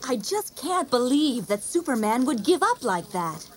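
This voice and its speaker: A man voicing an eager young woman reporter, excitable in manner. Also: very high-pitched, normal speed, voice pushed up. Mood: dismayed. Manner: excited, breathless.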